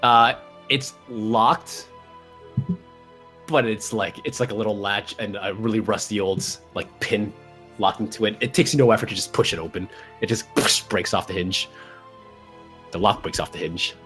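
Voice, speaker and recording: A man improvising narration as a tabletop game master, describing scenes in a halting way as he searches for words. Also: on the low side, fairly bright tone, faint music behind.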